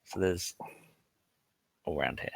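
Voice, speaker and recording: A man's voice: measured pace, no room sound. A man talking casually as a player in a tabletop game, hesitant and thinking aloud.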